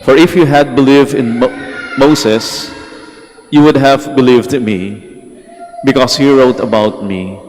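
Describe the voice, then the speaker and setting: Slow-reading priest in cathedral echo. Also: male voice, medium pitch, darkish tone. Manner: slow, measured, solemn delivery. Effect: long cathedral echo. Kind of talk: liturgical gospel reading. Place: large church during Mass. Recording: long reverb of a large church.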